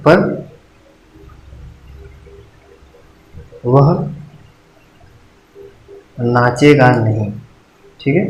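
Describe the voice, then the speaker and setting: Guy teaching a grammar class, mid-pitched voice, keeps saying ok, echoey room with a bit of hiss. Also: a little mellow. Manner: patient, repeats "ठीक है" often, counts aloud slowly. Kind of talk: exam-prep grammar lesson.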